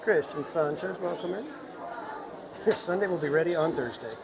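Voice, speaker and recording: A man's voice: fairly high pitch, normal speed, vocal fry, heavy background noise. A man hosting a casual live vlog, chatting informally with his viewers as he goes. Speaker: live stream host. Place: busy theme park, ice cream shop. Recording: loud crowd of a public space.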